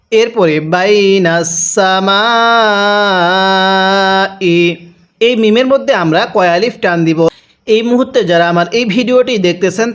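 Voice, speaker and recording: A man with a Bangladeshi Bengali accent teaching a Quran reading lesson, patiently explaining each rule and then slowly reciting the words with drawn-out sounds. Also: high voice.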